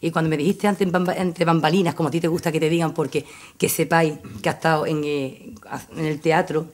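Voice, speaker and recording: A woman's voice: low voice, fairly even intonation, fairly quick. A middle-aged Andalusian woman, a town councillor speaking informally at a press conference, repeating phrases for emphasis. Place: indoor press room. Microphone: table microphone.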